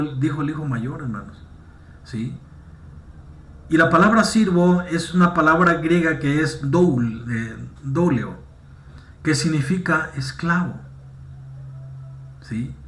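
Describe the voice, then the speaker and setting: A man's voice: fairly high pitch, slow pace, pauses often, a bit bright, roomy sound. A man preaching a sermon, often asking "¿sí?" and saying "amén" to the congregation as he reads and explains a Bible passage. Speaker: pastor.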